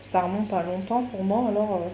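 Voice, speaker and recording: A woman's voice: medium pitch, moderate pace, dark tone, highs cut off. A woman vlogger chatting casually and hesitantly as she shows off her books, with many fillers. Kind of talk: casual book show-and-tell. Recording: echoey room with faint noise.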